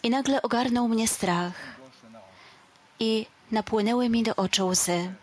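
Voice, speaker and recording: A woman's voice: fairly high pitch, a little slow. A woman preaching in an earnest manner, telling a story within a sermon.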